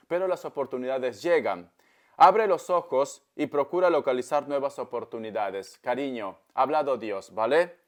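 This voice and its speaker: A man giving a tarot reading, telling a parable and calling the listener darling, with frequent talk of God. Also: fairly high pitch. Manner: calls the listener "darling" often, preachy storytelling; religious, invokes God often. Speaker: tarot reader. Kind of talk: tarot reading monologue to camera.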